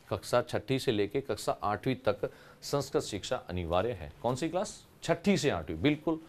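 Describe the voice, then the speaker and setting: A man teaching an exam solution lesson with a Rajasthani accent, explaining step by step and answering his own questions. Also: medium pitch.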